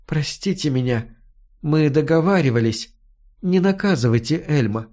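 Man doing a soft-spoken young singer woman. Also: fairly high pitch, expressive, normal speed, lightly acted. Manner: soft, embarrassed.

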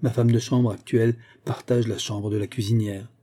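A kind older lady speaks calmly and with gentle firmness, as a man reads her part. Her tone is very dark and mellow, with a husky edge. She is a storybook benefactor, sure of herself. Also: lowish voice, moderate pace, lightly acted. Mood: kindly. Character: kind older woman, calm and firm benefactor.

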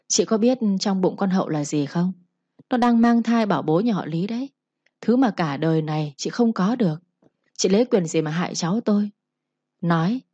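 A cold, domineering old matriarch speaks slowly and cuttingly, voiced by a woman. Her voice sits low and dark. The audiobook sounds dull and lo-fi. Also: husky, no echo.

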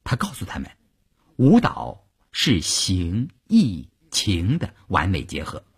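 A man reading an audiobook with animated storytelling. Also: deep voice, slow pace, slightly rough. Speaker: narrator. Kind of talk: audiobook narration.

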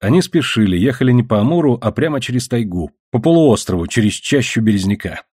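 Expressive male audiobook narrator. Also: mid-range voice, fast, slightly rough, no room sound, clean studio sound. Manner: expressive reading, voicing characters.

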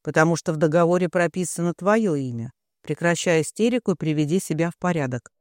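Cold, domineering father, read by a man; flat commands, high voice. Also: quick pace, dry recording, clean studio sound, lightly acted.

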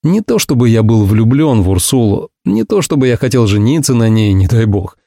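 A man's voice: mid-range voice, sing-song, normal speed, vocal fry, warm tone, no room sound. Dry, ironic male audiobook narrator.

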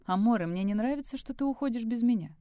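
A woman's voice: on the high side, expressive, fast talker, dark tone, dry recording, clean studio sound, pitched above the performer's own voice, close to an everyday voice. A woman reading the part of a jealous forty-year-old Italian man who still lives with his mother, speaking in a tense, clipped way.

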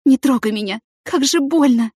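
A fragile, wounded pregnant woman, played by a woman narrator, speaking in tearful, pleading bursts. Her voice is raised high and strained above the reader's normal tone. The audiobook recording is dry and close-miked. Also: moderate pace, mellow, husky, no echo. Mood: upset.

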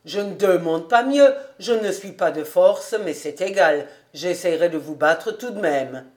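A man's voice: high voice, lively intonation, a little slow. A woman voicing a jovial, well-off young man in a storybook, who talks in a hearty, laughing way.

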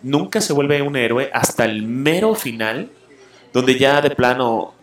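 A man's voice: mid-range voice, animated, a little slow, roomy sound. A man, giving a casual film critique and stressing points by repeating words. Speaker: comics show host.

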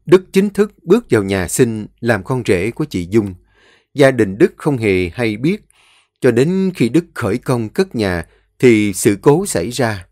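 Guy reading a story out loud, voice moves all over, dry close sound with faint music under it. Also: mid-range voice, no echo. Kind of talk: narrated audio story.

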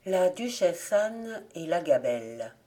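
A woman narrates folk tales for an audiobook. She reads in a steady, clear storytelling manner, with a fairly low voice. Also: slow pace, over music. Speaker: volunteer audiobook reader.

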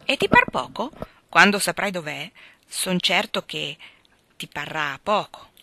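Woman voicing a good-natured teasing teen boy in a storybook reading; low-set, bright, playful. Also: expressive, a little slow, no echo, heavily acted.

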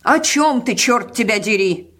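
A woman voicing a feisty, sharp-tongued old woman who exclaims loudly. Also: mid-range voice, measured pace, husky. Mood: bewildered. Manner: loud and exclaiming.

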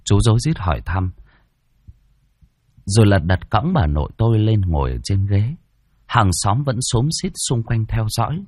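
A man's voice: lowish voice, big pitch swings, normal speed, pauses often, a little mellow, no room sound, studio quality. A man narrating a first-person ghost story dramatically.

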